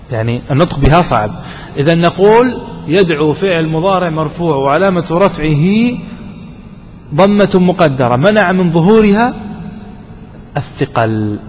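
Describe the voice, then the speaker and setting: A man, a sheikh, giving a classroom grammar lesson, quizzing his students and repeating and stressing each point. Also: high voice. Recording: echoey hall with faint noise.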